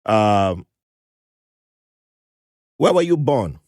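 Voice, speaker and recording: Male podcast host, animated storyteller, dry studio sound. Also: fairly low pitch, extremely slow, dry recording. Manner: animated storyteller, laughs often, acts out quoted voices. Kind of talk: casual interview chat.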